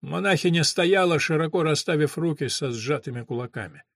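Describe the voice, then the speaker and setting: A man with a slightly higher-than-usual voice narrating an audiobook, dramatic and tense in his storytelling. The sound is close and dry, with no room echo. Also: fairly quick, vocal fry.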